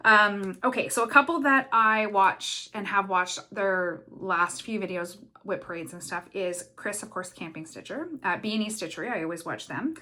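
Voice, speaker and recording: A woman from Canada chatting casually in a craft vlog, talking fast and rambling with many fillers and restarts. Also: mid-range voice, sharp tone. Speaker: cross stitch vlogger.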